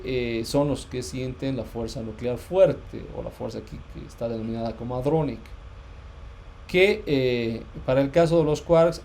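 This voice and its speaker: Male physics lecturer, mellow tone, hesitant and repetitive delivery, slight noise in the recording. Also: medium pitch. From Bolivia. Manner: hesitant, many fillers and restarts, checks understanding often. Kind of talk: university lecture.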